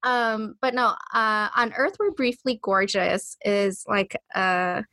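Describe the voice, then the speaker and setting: A woman's voice: mid-range voice, slow, pushed and bright, no room sound, studio quality. A woman co-hosting a casual podcast, chatting informally and often saying "like". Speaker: podcast co-host.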